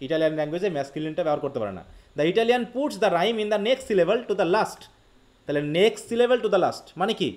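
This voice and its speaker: Fast-talking Bangladeshi male teacher. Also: sits high, expressive, a little mellow. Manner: quick Bengali explanation, slow read-aloud English quotes, frequent questions to students. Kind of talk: live online literature lecture.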